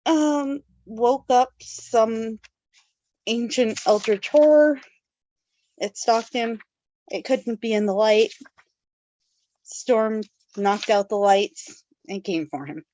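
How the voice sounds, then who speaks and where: A woman's voice: a little high, slow pace, pauses often, mellow, muffled recording. A woman hosting a casual book club podcast, reading background notes and then summarizing the story with fillers and laughs. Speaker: podcast host.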